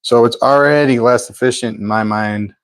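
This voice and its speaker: A man's voice: medium pitch, steady tone, normal speed, dry recording, low-quality recording. A man hosting a live stream from a home workshop, streaming by phone and calling out meter readings with chatty asides. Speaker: host of a pulse motor channel. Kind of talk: live-stream tinkering commentary.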